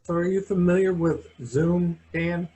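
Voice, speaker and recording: A man's voice: sits high, steady tone, measured pace, mellow, low-quality recording. Teasing man hosting a video chat. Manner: joking, teasing. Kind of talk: casual chat. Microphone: video call.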